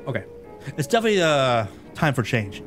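A man streaming a game live, chatting excitably with viewers and laughing often. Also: mid-range voice, a little fast, faint music behind.

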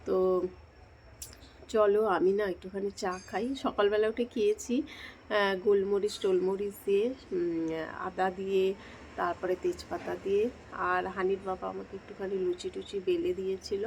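A woman in her thirties with a Bengali accent, vlogging at home while sick with a cold and a blocked nose, speaking softly to spare her sore throat. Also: medium pitch, little pitch movement, moderate pace, slight background noise, rough recording. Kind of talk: casual home vlog narration.

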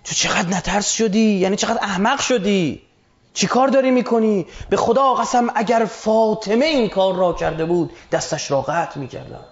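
Male lecturer with a high voice delivering an emphatic, conversational religious talk; muffled lo-fi sound. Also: reverberant. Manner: emphatic, colloquial, with rhetorical questions.

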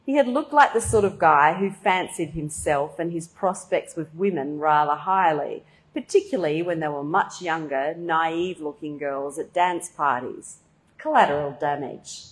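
A woman's voice: sits low, normal speed, low-quality recording. A woman author reading her novel aloud at a bookshop event, in a dry, wry manner.

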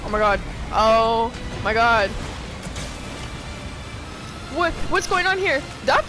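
Excitable swearing woman gamer, lively pitch. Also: slow, over music. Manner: excitable, swearing, laughing, fangirling. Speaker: gamer playing a horror game. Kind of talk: let's play commentary.

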